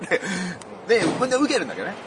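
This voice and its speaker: A male comedian co-hosting a casual radio chat, telling stories rowdily with coarse slang and loud outbursts. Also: sits high, wildly swooping pitch, very fast, noisy background. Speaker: comedian co-host.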